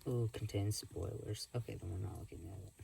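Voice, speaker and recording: A man streaming gameplay, chatting casually and reading the on-screen game text aloud with quick asides. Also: lowish voice, steady tone, gravelly, dark tone, far from the mic, a little hiss or hum, rough recording.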